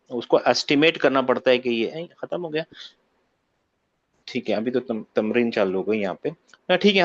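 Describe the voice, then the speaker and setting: Male online teacher, slightly high, keeps asking the class for confirmation, lo-fi call sound. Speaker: Arabic teacher. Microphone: video call. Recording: muffled lo-fi call audio.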